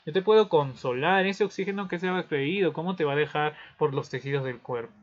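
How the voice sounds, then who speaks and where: A man voicing carbon dioxide as a sly male suitor who slowly sweet-talks, in a class story. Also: a little high, close to an everyday voice. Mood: coaxing. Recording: dull lo-fi recording.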